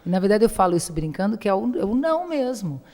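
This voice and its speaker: A woman's voice: mid-range voice, fast. Chatty woman psychologist in a reverberant room. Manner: animated storytelling, acting out dialogue with her kids. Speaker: psychologist guest. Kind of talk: casual conversation.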